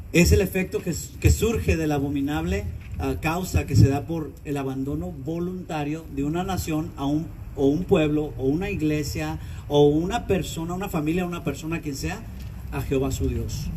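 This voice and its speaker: A man with a high voice preaches an animated sermon in church, crying out and acting out voices as he goes. He sounds distant from the mic, with plain background noise underneath. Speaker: pastor.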